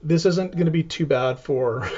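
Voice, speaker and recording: A man's voice: fairly high pitch, a little mellow, husky. A man with a Canadian accent hosting a live cooking stream, explaining casually as he chops and preps. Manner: casual, chatty, explains as he works. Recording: dull lo-fi stream audio.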